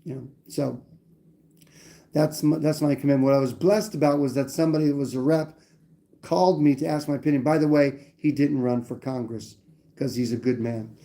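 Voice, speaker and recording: A man's voice: mid-range voice, fairly even intonation, brisk, dark tone. A man hosting a live stream, talking politics in a blunt, rambling way, with some swearing. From New Hampshire. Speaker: livestream host. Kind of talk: casual political talk.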